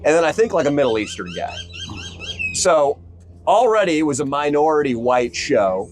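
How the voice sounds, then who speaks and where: A male comedian chatting outdoors by the water while fishing, deadpan and sarcastic. His pitch moves a lot, animated under the dry jokes. A faint hiss of outdoor ambience sits behind him. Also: normal speed. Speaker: stand-up comedian. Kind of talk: casual chat.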